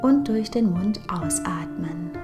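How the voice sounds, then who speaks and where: A woman guiding a meditation in a soft, hushed, breathy voice, speaking slowly and calmly with long pauses. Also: fairly low pitch. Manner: slow, calm, pausing, breathy soft delivery in meditation. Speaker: podcast host and meditation guide. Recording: music bed under the voice. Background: background music.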